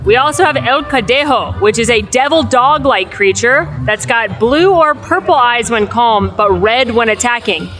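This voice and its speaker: A woman's voice: fairly high pitch, normal speed, few pauses, fairly bright tone, poor audio. A woman narrating a vlog as host in a chatty, informal, casual way. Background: music.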